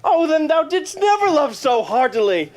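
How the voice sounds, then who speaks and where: A self-dramatizing, lovesick young shepherd, acted by a man in stage Shakespeare. The voice is remarkably high for a male, and the delivery is impassioned and declamatory. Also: sing-song, moderate pace, darkish tone. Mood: yearning.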